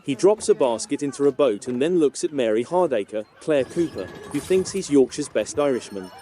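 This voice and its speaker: A man reading a scripted TV episode recap in a steady, even manner. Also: mid-range voice, moderate pace, soft background music. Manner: steady, even read-through of plot events.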